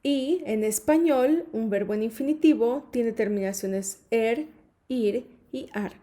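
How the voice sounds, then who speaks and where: A woman's voice: fairly high pitch, unhurried, mellow. Woman teaching English grammar. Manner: patient, repeats points with "¿sí?" and "¿ok?". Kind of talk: explaining grammar.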